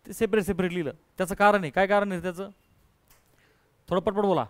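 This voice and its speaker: Speaking fast in a high, steady voice, a man teaching math runs a call-and-response lesson in which he quizzes and coaxes his students, calls them dear, and slips in English terms. The recording is dry.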